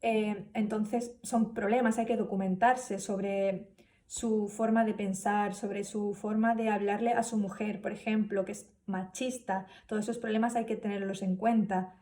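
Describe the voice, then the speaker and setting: Hesitant woman presenting, mellow and distant. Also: mid-range voice, flat delivery, a little slow. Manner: hesitant, many fillers and restarts. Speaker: student presenter. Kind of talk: spoken class presentation.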